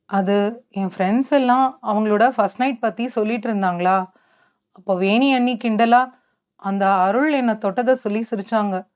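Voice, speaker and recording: A woman's voice: medium pitch, moderate pace, natural voice. A woman voicing a young bride who speaks earnestly and with feeling. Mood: hurt. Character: hurt young bride, tearful then defiant. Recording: dull lo-fi.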